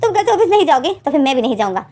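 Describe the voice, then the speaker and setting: A woman's voice: high-pitched, fast, darkish tone, close to an everyday voice. A woman voicing a mischievous teasing young man.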